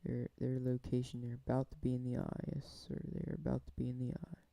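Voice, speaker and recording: A man hosting a live stream, casually commenting on storm chasers with drawn-out awed exclamations. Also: medium pitch, completely flat delivery, gravelly, warm tone, dry recording.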